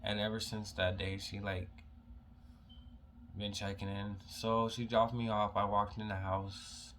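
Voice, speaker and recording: A young man telling a personal story in a casual vlog, halting and emotional, full of "like" fillers, holding back tears. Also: fairly low pitch, flat delivery, a bit bright, slight background noise.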